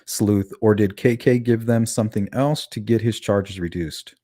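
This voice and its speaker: On a relaxed true-crime livestream, a lisping male host reads chat messages out loud, talks conversationally and poses questions to viewers. He speaks at a moderate pace in a warm, lowish voice. The recording is studio quality, with no echo.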